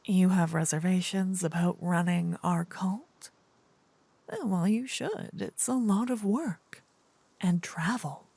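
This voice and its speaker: Here the demon queen's voice is warm and fairly low, exaggerated in delivery, with a wry mood beneath the teasing, smug menace. It is the same woman in the intimate fantasy ASMR roleplay, breathy and husky, frequently whispering as she lingers slowly over a doting, possessive threat. She is recorded close on a dry mic with no room sound.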